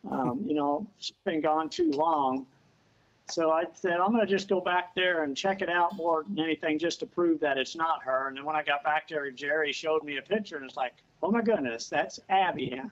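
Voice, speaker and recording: Here's a plain-spoken guest from Missouri, a dog owner interviewed casually by video call while sitting outside on a house porch. He sits on the high side with lively intonation, and the recording sounds muffled. His manner is unhurried and simple, with "uh" filling the pauses.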